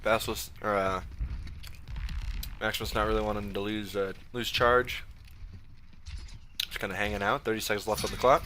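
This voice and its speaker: A man giving casual, profane play-by-play of a video game match, full of ums and uhs, with sudden bursts of excitement. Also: lowish voice, normal speed, long pauses, slight background noise. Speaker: esports caster.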